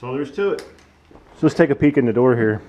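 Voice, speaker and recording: A DIY car builder presents his project in a workshop, talking fast in a mid-range voice as he works at a workbench and beside a truck. His commentary is casual and hands-on, like thinking aloud. The audio is dull and lo-fi with clear noise.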